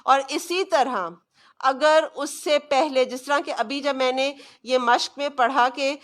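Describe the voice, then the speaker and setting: A woman with a Pakistani Urdu accent teaching Quran recitation, explaining pronunciation rules and then modeling each sound slowly for students to copy. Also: high-pitched. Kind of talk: recorded tajweed lesson.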